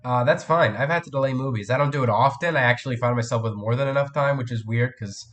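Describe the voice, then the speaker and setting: A man's voice: mid-range voice, fast, fairly bright tone. A teenage boy with a cold, hosting a live stream and chatting casually with viewers, rambling with many fillers and restarts. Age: teens. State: has a cold, voice cracks.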